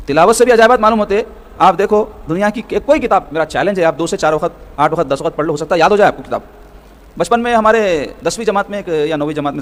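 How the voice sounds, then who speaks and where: A man giving a sermon-style hadith lesson, explaining points step by step and asking rhetorical questions. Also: sits high. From Hyderabad, South India. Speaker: religious scholar teaching hadith.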